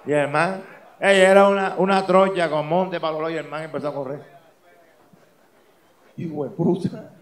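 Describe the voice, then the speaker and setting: A man from Colombia with a Caribbean coast accent, telling stand-up jokes and jumping into loud character voices and sound effects. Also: on the high side, fairly even intonation, fairly quick, echoey room. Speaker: stand-up comedian.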